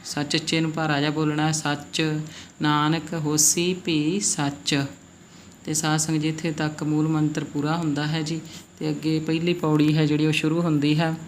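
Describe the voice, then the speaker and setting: A Gurbani pronunciation teacher giving a slow recitation lesson, respectfully drawing out each syllable and repeating words for practice. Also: medium pitch, completely flat delivery, a little hiss or hum. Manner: respectful, addresses the congregation as "ji".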